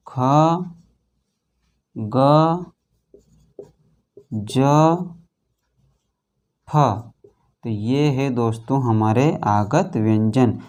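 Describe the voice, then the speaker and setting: Repetitive Hindi grammar teacher, darker tone. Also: male voice, on the high side, dark tone. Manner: repetitive, asks and answers own questions, addresses "friends"; halting, restarts phrases while writing. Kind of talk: exam-prep grammar lesson.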